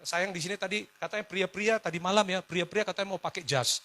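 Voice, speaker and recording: A male pastor preaching, telling a personal story in an animated way, swinging from loud outbursts to hushed words. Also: high-pitched, quick pace. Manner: animated storytelling, switching between shouts and hushed tones, laughing along.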